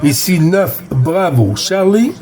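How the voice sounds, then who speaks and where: This CB contact-net operator from Quebec talks slowly in a fairly high yet dark-toned, expressive voice. Friendly and courteous, he chats easily and frequently repeats himself.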